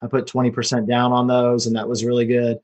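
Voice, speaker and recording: A man's voice: medium pitch, monotone, quick pace, a little mellow. A man speaking as an interview guest, telling his own story in a casual, unpolished, loosely rambling way. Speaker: podcast guest, real estate investor.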